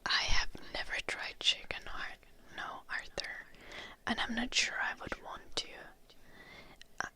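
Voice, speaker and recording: A Finnish woman hosts a live ASMR stream, whispering softly and a little slowly to her chat in English with a light Finnish tinge. Close to the microphone, she reads out chat names.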